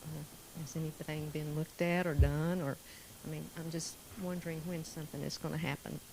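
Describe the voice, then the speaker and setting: A woman's voice: sits low, steady tone, moderate pace, darkish tone, a little hiss or hum, rough recording. A woman making an informal public comment in a hesitant, plain-spoken way. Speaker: resident giving public comment. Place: indoor public meeting room.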